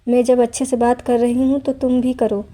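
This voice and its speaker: A woman's voice: a little high, flat delivery, moderate pace, warm tone, lightly acted. A woman voicing a proud, stubborn young woman in an audio story, speaking in an indignant, scolding way. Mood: annoyed. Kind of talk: audiobook character reading.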